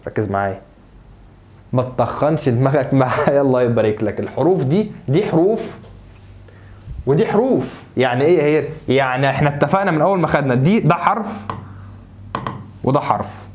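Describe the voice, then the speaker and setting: A young man with an Egyptian Arabic accent, teaching German pronunciation in a lively, coaxing way and repeating words slowly for learners. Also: mid-range voice, a little hiss or hum. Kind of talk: lively classroom-style pronunciation lesson.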